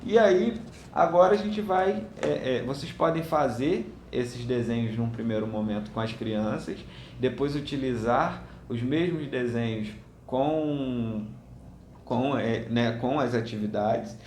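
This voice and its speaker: A man teaching parents a home learning activity, speaking slowly with frequent hesitant fillers. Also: medium pitch, darkish tone, slight background noise. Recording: echoey room, faint ambience.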